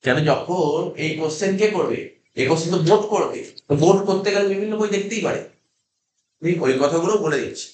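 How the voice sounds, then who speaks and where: A man's voice: a little high, quick pace, a little mellow, roomy sound. A man with a Kolkata Bengali accent, lecturing a class and drilling students with repeated questions. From India. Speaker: teacher.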